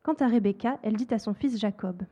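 A woman narrating a scripture passage in a steady, measured reading. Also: a little high.

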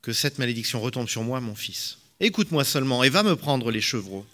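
A man's voice: mid-range voice, animated, a little fast, bright, forceful tone. A man voicing a scheming mother who gives firm, urgent orders in a scripture reading.

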